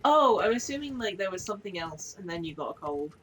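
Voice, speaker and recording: A woman's voice: medium pitch, sing-song, fast, a bit bright, a little hiss or hum, low-quality recording. A woman chatting casually and rambling on a live game stream, with many fillers and offhand swearing. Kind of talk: casual chat.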